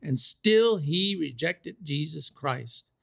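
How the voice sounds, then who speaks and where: A man preaching a sermon, slow and deliberate, repeating key phrases for emphasis. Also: fairly high pitch, animated, gravelly, fairly bright tone.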